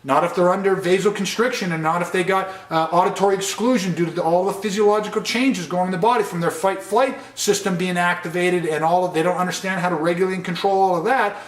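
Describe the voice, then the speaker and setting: A man's voice: high voice, quick pace, few pauses, echoey room. A man teaching a de-escalation training session, speaking earnestly and stressing key points. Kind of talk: training lecture.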